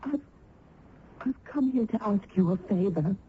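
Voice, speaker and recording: In a dull vintage radio recording, an actress plays an earnest, emotional young village woman in heartfelt, dramatic old-time radio style. Her medium-pitched, husky voice has lively intonation and moves a little slowly, sounding hesitant and pleading.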